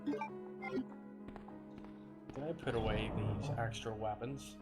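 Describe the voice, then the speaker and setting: A man streaming a video game, giving relaxed, chatty commentary with a mildly self-mocking tone. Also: lowish voice, slow. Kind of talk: casual gameplay commentary. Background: game music.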